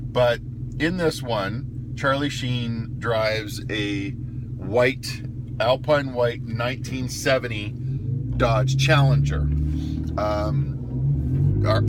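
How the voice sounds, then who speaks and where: A man giving a casual, opinionated, unscripted talk in a matter-of-fact way, as a car enthusiast presenting a list. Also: lowish voice. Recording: loud car and outdoor ambient noise.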